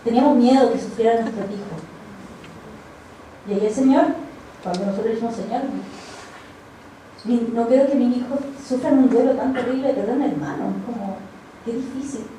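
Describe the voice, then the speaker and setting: A Chilean woman giving a personal testimony at church, telling her story in a lively way and acting out the dialogue. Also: a little high, a little fast, pauses often, a little hiss or hum. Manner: animated storytelling, acts out quoted dialogue. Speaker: church speaker. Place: church hall. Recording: very echoey hall, voice far from the mic.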